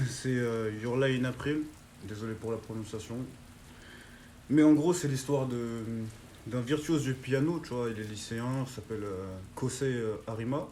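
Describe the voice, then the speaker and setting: A man's voice: medium pitch, moderate pace, dark tone, slight background noise. Young man chatting in an echoey room. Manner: slangy storytelling with constant "tu vois". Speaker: guest. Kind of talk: casual chat about anime.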